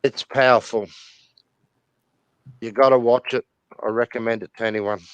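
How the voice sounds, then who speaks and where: A man's voice: mid-range voice, steady tone, moderate pace, smooth, no echo, lo-fi sound. A man in casual group chat, blunt and enthusiastic, swearing freely. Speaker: chat participant.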